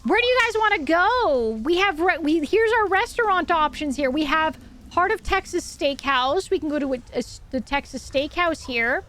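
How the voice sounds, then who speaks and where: A woman streams with a notably high voice and a cute, enthusiastic anime-streamer manner. She talks casually to her viewers and reads aloud with asides. Faint noise sits behind her voice. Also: moderate pace, a bit bright. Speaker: horror livestreamer. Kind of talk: casual livestream chat, reading aloud with asides. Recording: clear background noise.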